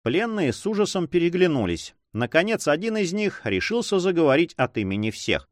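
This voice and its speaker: A man narrating an adventure novel aloud with expressive, dramatic storytelling. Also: on the high side, brisk, dry recording, studio quality. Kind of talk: audiobook reading.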